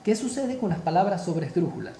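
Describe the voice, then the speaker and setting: A man teaching a spoken grammar lesson, slow and deliberate, repeating key terms for emphasis. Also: high voice, big pitch swings, warm tone, reverberant, a little hiss or hum.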